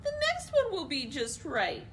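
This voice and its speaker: A woman's voice: sits high, wildly swooping pitch, a little slow, music in the background, pitched above the performer's own voice, exaggerated voice. A woman voicing a cool, laid-back male cartoon cat with an upbeat, sing-song manner.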